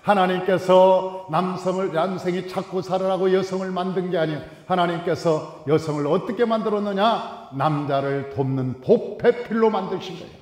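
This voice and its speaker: High-voiced pastor preaching in a reverberant hall. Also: male voice, normal speed, few pauses. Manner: humorous storytelling with sudden swings from loud to soft. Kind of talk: sermon. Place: large church sanctuary.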